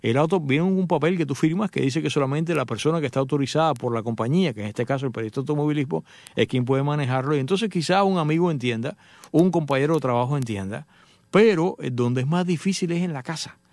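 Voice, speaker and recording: Fast-talking radio host, gravelly voice. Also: male voice, on the high side, a little mellow, no echo. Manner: joking, chatty storyteller addressing listeners. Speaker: radio host and motoring journalist. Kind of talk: casual radio talk with anecdotes.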